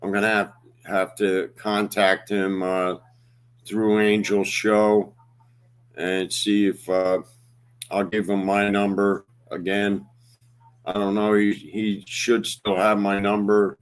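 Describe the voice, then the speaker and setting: A man in his fifties chats to his livestream audience in an unhurried, halting way, full of fillers and pauses. His voice sits somewhat low and comes across smooth and clear. He talks at a very slow pace. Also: flat delivery. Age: 50s. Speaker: livestream host. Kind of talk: casual livestream chat.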